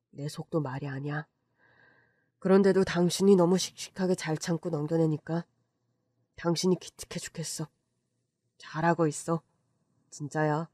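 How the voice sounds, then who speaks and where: A man voicing a gentle late husband. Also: a little high, dry recording, clean studio sound, close to an everyday voice. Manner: tender, soothing. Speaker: voice actor in a narrated story.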